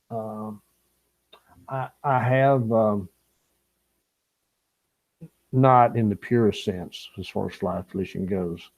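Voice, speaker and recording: A man chats casually on his fishing channel's live stream, rambling between stories and reading viewers' comments aloud with frequent chuckles. His voice sits low and a little husky, with a dark, mellow tone. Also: low-quality recording. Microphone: small camera mic or lapel.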